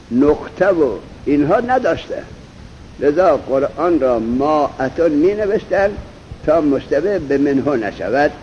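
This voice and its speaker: A male teacher gives a seminary-style grammar lesson, quizzing his students and drawing out example words slowly. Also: fairly high pitch, mellow. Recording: dull lo-fi recording with faint noise.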